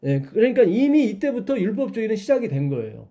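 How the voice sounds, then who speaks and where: A man's voice: sits high, big pitch swings, fast, dark tone. A man leading a Bible study, explaining patiently and asking his listeners questions.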